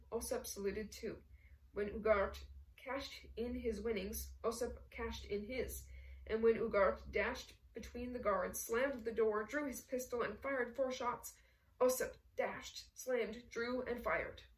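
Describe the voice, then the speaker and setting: A woman narrating a novel as an audiobook in a smooth, measured storytelling manner. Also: on the high side, reverberant, recorded from a distance, poor audio. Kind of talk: scripted narration.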